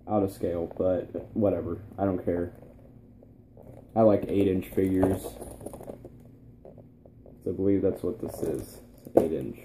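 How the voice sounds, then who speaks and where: A teenage man chatting casually through an unboxing vlog in his bedroom, relaxed and rambling with plenty of ums. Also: low-pitched, a little hiss or hum. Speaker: vlogger. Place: small bedroom, indoors.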